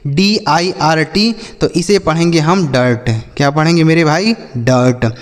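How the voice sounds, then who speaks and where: A man teaching English reading in a classroom style, asking his students questions and drilling each word slowly. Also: fairly high pitch, in a large hall. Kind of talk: classroom-style phonics lesson.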